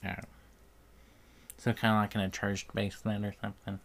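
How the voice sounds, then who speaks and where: A man's voice: on the low side, monotone, vocal fry. A man, co-hosting a casual podcast and chatting in a rambling way with dry jokes. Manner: slow, rambling, dry joking. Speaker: podcast co-host.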